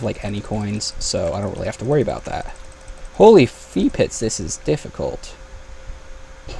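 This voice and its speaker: A man's voice: medium pitch, a little mellow, a little hiss or hum. A young man giving casual, chatty commentary over his gameplay, thinking aloud with sudden yelps. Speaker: gaming YouTuber.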